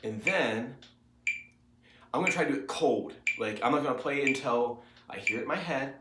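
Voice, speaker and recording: Sounding congested from a cold, a guitar teacher rambles through a casual recorded lesson for a student, packing his explanations with fillers. He speaks at medium pitch and normal speed. His home music studio is echoey, and the recording is very noisy.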